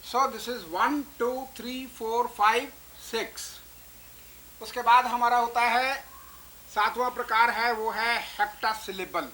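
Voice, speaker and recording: Woman, teacher, unhurried, deliberate explaining. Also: fairly high pitch, fairly even intonation, pushed and bright. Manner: slow, deliberate, spells out and counts syllables aloud. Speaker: English teacher. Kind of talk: explanatory lesson.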